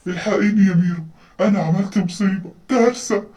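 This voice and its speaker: A woman's voice: medium pitch, fast, mellow, distant mic, close to an everyday voice. A woman voicing a young male teddy bear who stammers and frets, with an Egyptian Arabic accent, heard from a little off the mic. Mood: panicked. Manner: stammering, fretful.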